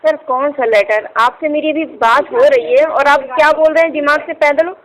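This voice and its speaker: A woman's voice: high voice, normal speed, a crowd in the background. A woman recovery agent on a recorded phone call, scolding a rude customer indignantly. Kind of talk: heated phone argument.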